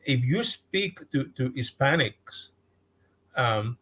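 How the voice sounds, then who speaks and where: A man with a Mexican accent, a guest on a podcast, speaking earnestly and haltingly, often repeating words as he restarts. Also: mid-range voice, expressive, a bit bright, slightly rough. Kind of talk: podcast interview.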